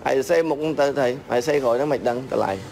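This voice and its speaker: A man from Cambodia working as a phone shop seller, reeling off one phone model and price after another in a steady sales patter. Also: mid-range voice, fast talker, creaky, a little hiss or hum.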